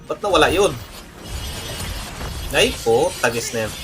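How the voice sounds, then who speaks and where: A man's voice: on the high side, measured pace, music in the background. A young man, commentating his own gameplay live with brash, cursing trash talk and boastful bragging. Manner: boastful, mock-calm refrains. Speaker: gaming streamer.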